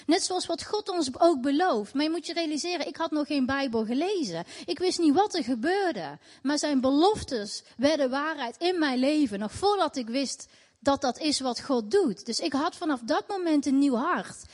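Woman, high-pitched, earnest emotional faith testimony, echoey hall with long reverb. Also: lively intonation, moderate pace, a little mellow. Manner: earnest, emotional storytelling with repeated phrases. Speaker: testimony speaker.

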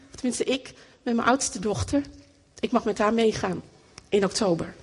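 A middle-aged woman delivers a sermon with lively, repeated phrases for emphasis. Her voice sits fairly high and a little husky. The sound carries a long reverb from the hall. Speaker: preacher.

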